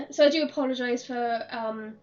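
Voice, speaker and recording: A hoarse woman with a fairly high voice rambles happily through a game stream, laughing as she goes. She sits a little back from a dull-sounding mic, with soft game music under her talk. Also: unhurried. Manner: chatty, rambling, laughs often. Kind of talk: casual chat while gaming. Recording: dull, slightly distant mic.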